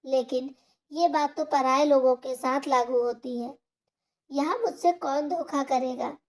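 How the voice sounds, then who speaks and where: A gentle, trusting old mother from a spoken storybook, read by a woman narrator. She pleads in a soft, high voice and takes her time over each phrase. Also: steady tone, a little slow.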